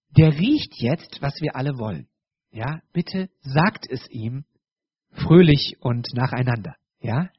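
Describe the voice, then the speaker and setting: A man preaching a sermon, his voice sitting a touch high with a husky edge. He talks directly to his congregation and often breaks off and restarts. The sound is dry and somewhat dull. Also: no echo. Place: church.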